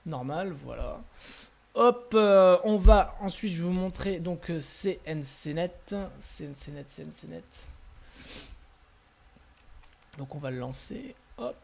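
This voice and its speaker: A man giving a casual walkthrough of gaming software, talking with enthusiasm and stumbling through frequent fillers and restarts. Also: a little high, animated, a little slow, gravelly. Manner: hesitant, many filler sounds and restarts. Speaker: gaming video host.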